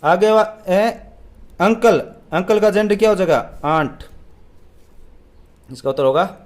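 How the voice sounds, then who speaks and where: A young man teaching an English exam paper, asking questions and answering them himself, reading the English lines out slowly. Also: high-pitched, expressive. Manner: asks and answers own questions.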